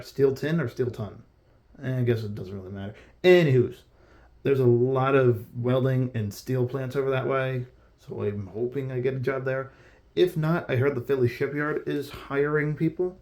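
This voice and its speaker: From his bedroom, a young man from Pennsylvania, USA, records casual gameplay commentary as a gaming YouTuber. His voice is medium-pitched and a bit mellow at a normal speed. He's chatty and rambling, easily sidetracked, and fond of poking fun at himself.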